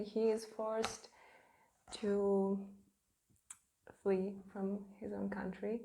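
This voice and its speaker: Slow, mellow woman vlogging. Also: medium pitch, slight background noise. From Estonia. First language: Estonian. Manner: gentle, thoughtful, pauses often. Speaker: children's book illustrator. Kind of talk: casual studio vlog. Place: her home art studio.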